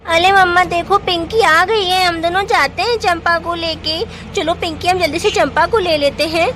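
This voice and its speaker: A woman voicing an excited, chatty little village girl in a doll story. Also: very high-pitched, moderate pace, background noise. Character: lively little village girl, eager and bossy.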